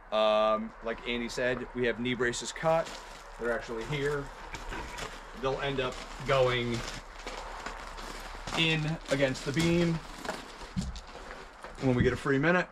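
A man's voice: mid-range voice, a bit bright, slight background noise. A man methodically walking through a building under construction, outdoors at the site. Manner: methodical, measured. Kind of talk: explanatory walkthrough.

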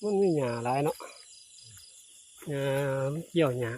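A man's voice: medium pitch, normal speed, mellow, a little hiss or hum. Chatty Isan man in a night field. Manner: chatty, keeps calling viewers brothers and sisters. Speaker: vlogger. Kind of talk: casual narration to viewers. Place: rural fields at night, outdoors. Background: crickets and insects.

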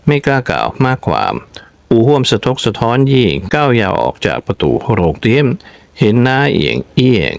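Man, audiobook narrator, martial-arts novel, lively intonation, dry close sound. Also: medium pitch, normal speed, gravelly, dry recording. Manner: steady storytelling, lively intonation, small slips. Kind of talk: reading a Chinese martial-arts novel aloud.

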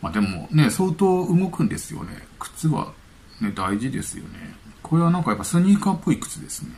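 A man's voice: a little high, big pitch swings, fairly quick, creaky, darkish tone. A man hosting a casual vlog from home, chatting loosely while eating and reading news items aloud with his own remarks. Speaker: channel host.

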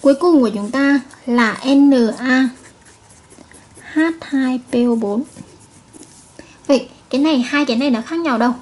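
A woman's voice: high-pitched, moderate pace, long pauses, darkish tone. A woman chemistry teacher giving a recorded video lesson, patiently repeating each point and checking with her students.

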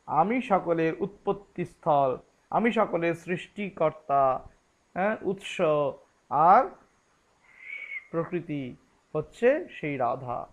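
A man with a fairly high voice gives a scripture lecture in a Bengali accent. He talks slowly and deliberately, chanting Sanskrit lines and then explaining each one. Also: lively intonation. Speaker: teacher.

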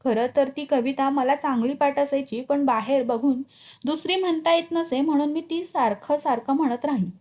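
High-voiced woman reading a story aloud. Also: moderate pace. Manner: expressive, clear read-aloud. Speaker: literature teacher reading a story.

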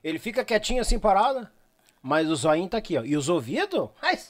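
Young gaúcho podcast host, lively voice. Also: male voice, high-pitched. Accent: southern Brazilian, Rio Grande do Sul. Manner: chatty, eggs the guest on with quick interjections. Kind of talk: casual podcast chat.

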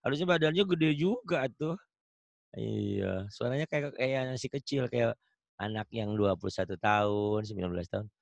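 A man teaching Quran recitation over an online call, chatting and coaching, then chanting example verses slowly and melodically. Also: fairly low pitch, lively intonation, vocal fry, dry recording. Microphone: video call.

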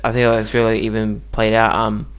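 A man's voice: fairly low pitch, monotone, normal speed, smooth. A man giving casual, chatty commentary on a video game he just played, with lots of ums and likes. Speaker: gaming YouTuber.

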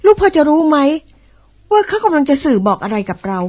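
An actress playing an excitable mother who exclaims and describes what she sees, in old-style radio drama acting. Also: high-pitched, fairly quick. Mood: exclaiming. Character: excitable mother, easily startled.

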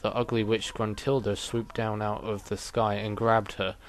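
A short-sighted mole, read aloud by a man, patiently walks through the controls step by step. The low voice stays close to plain everyday talk. He is helpful and matter-of-fact. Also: little pitch movement, normal speed, slight background noise, close to an everyday voice. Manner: explaining game controls step by step.

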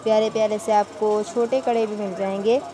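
This market tour vlog follows a woman shopping vlogger with a Pakistani Urdu accent through busy indoor market shops, where she eagerly chats with shopkeepers about prices on camera. Her medium-pitched voice is brisk with a flat delivery, and crowd and market noise fill the background.

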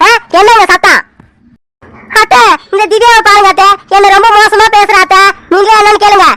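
A woman voicing a quarrelsome aunt in an animated joint-family drama, scolding sharply. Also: very high-pitched, brisk. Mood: complaining.

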